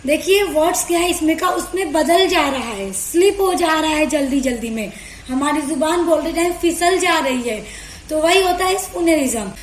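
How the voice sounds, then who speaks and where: A woman teaching a lecture on literary terms, explaining step by step and reading English lines slowly. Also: high-pitched, expressive. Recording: echoey room with faint noise.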